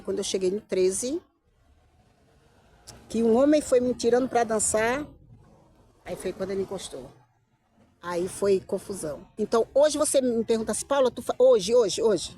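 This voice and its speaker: A middle-aged woman, telling a personal story in a casual vlog. She talks in an animated way, repeats herself and acts out the lines others said to her. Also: a little high.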